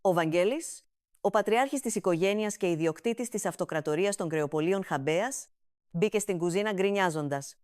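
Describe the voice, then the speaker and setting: A woman narrating a comic family story with an even, steady storytelling delivery, recorded close to the mic. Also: fairly low pitch, no echo.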